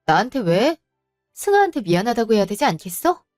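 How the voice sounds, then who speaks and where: A woman's voice: fairly high pitch, very animated, fairly quick, a little mellow, no room sound, clean studio sound, faint music behind. A woman voicing a firm, betrayed wife and mother who scolds her husband sharply. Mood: scolding. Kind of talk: storybook voice acting.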